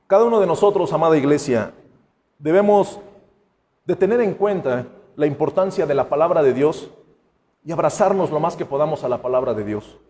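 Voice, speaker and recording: Man, pastor preaching a sermon, high lively voice, long hall reverb. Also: moderate pace, a little hiss or hum. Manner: conversational preaching, acts out quoted voices. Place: church sanctuary.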